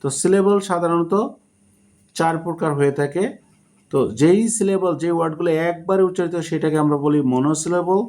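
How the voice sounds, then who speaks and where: A man giving a spoken English lesson, explaining slowly and breaking words into syllables. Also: fairly high pitch, fairly even intonation, a little mellow. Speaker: English teacher.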